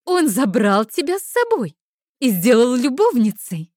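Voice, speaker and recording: A shrill, insistent young woman friend, excitable and bossy, as a woman narrator puts her on. Her voice climbs high and loud with every demand. The reading is dry and close. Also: measured pace, dry recording. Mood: eager. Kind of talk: audiobook character voice.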